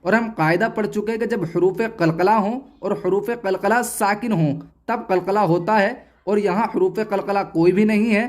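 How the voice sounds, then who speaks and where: A Quran reading teacher with a Hindustani accent giving a slow step-by-step lesson, patiently repeating letters and syllables one by one. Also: mid-range voice.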